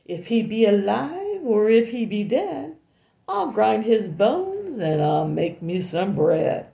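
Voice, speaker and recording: Woman booming as a man-eating storybook giant. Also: big pitch swings, takes it slowly, gravelly, warm tone, echoey room, lo-fi sound, heavily acted. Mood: menacing. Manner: booming chant.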